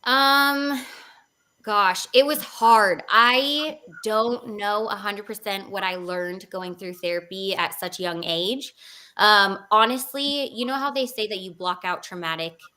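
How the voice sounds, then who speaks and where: A young woman in her twenties with a bright, sharp voice tells her personal story as an interview guest. She speaks candidly, with frequent pauses and fillers, at a medium pitch.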